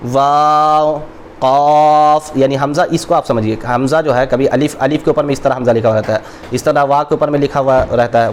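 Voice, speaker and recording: Man, reading teacher, recorded lesson, drawn-out letter names, quick explanations, faint background hiss. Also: mid-range voice, darkish tone.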